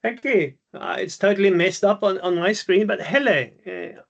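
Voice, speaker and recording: A man's voice: sits high, moderate pace, vocal fry. A man moderating an online meeting, calling on each speaker in turn with a laugh. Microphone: video call. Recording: muffled video call audio.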